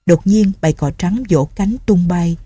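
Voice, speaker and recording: A woman reading a long story aloud in a steady narrating manner. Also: on the low side, normal speed, slightly rough, dry recording.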